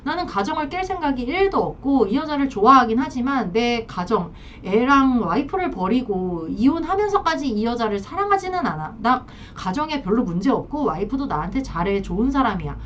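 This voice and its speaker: A woman's voice: on the high side, big pitch swings, a little fast, few pauses, fairly bright tone, slight background noise. A woman acting out a married man who firmly and curtly rebuffs his lover's demands. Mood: defensive. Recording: dull lo-fi sound.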